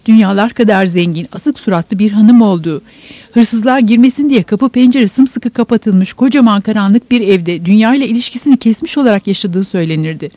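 A woman narrating a novel in first person, steady and measured, in a dull, dry audiobook recording. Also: medium pitch, no room sound. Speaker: audiobook reader.

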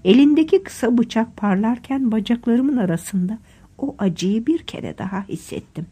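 A woman's voice: medium pitch, dark tone, husky. A woman narrating an audiobook in the first person, telling a violent story with vivid, dramatic storytelling.

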